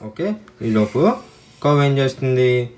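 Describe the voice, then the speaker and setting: A woman's voice: a bass voice, animated, slow pace, darkish tone, soft background music. A woman telling a picture story to a child, asking the listener questions and adding playful sound effects.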